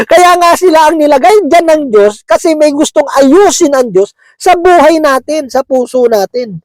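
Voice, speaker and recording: A man's voice: very high-pitched, animated, unhurried, no echo, low-quality recording. A man preaching a conversational sermon, chuckling often and checking in with his listeners, slipping English words into his talk. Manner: chatty, keeps asking "di ba?", chuckles often.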